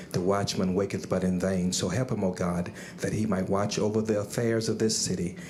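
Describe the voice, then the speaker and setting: A man's voice: deep voice, darkish tone, a little hiss or hum. A man speaking as a reverend, leading a solemn public prayer in reverent, repeating phrases. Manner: reverent, rolling phrases with repetition.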